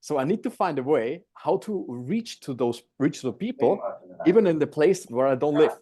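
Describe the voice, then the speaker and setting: A man's voice: fairly high pitch, animated, moderate pace, a crowd in the background. A man in his twenties from Austria with an Austrian accent, eagerly teaching an online sales masterclass from home on a video call. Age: 20s. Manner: upbeat, eager, slightly non-native phrasing. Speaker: guest speaker.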